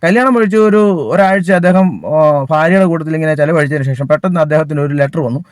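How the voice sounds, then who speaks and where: A man giving a sermon, pausing often with fillers and restarting his sentences. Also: on the high side, no room sound. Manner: halting, many fillers and restarts. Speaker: preacher.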